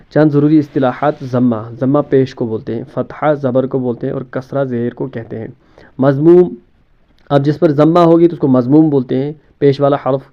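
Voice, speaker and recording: A man's voice: medium pitch, dull audio. A man teaching a grammar lesson, explaining terms step by step, asking questions and answering them himself, often repeating words and mixing in English terms. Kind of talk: classroom-style lesson explanation.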